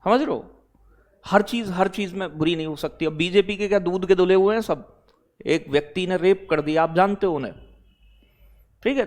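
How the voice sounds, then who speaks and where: Male exam-prep teacher with a slightly high voice, casual and blunt, keeps asking the class if they follow. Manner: addresses students as beta and bhai, repeats "theek hai bhai?"; digresses into blunt talk, then back to teaching. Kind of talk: live online class, chatty lecture.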